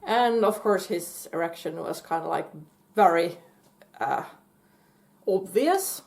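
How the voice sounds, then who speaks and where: A woman casually telling a personal story in a halting way, full of fillers and restarts and breaking into giggles. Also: fairly low pitch, creaky, a little mellow. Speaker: vlogger.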